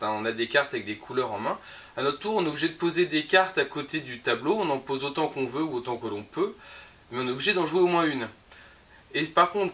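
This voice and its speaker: His voice is on the high side, bright and forceful, as a French-accented man introduces the week's new board games in a shop video. He keeps the casual weekly roundup chatty and upbeat, with frequent hesitations.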